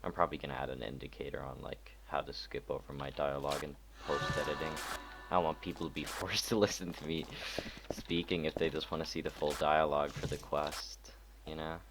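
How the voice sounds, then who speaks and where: Young gamer, low voice, casual profane rambling commentary. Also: male voice, flat delivery, a little fast, creaky, over music. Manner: profane, rambling, self-deprecating.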